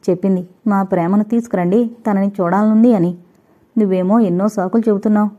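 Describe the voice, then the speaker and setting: A woman voicing a reserved young husband who speaks quietly and with restraint. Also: medium pitch, fairly even intonation, fairly quick, lightly acted. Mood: subdued. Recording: tinny, phone-like recording.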